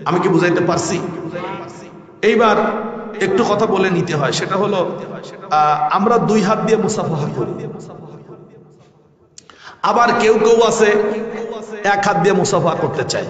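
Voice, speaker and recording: A man preaching with a Bangladeshi Bengali accent, his fairly high voice ringing through a roomy space with a long echo. He drives his points home by repeating words and asking the listeners whether they understand. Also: measured pace, pauses often, a bit bright. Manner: emphatic, asks the audience questions, repeats key words. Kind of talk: sermon at a religious gathering. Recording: echoey hall with long reverb.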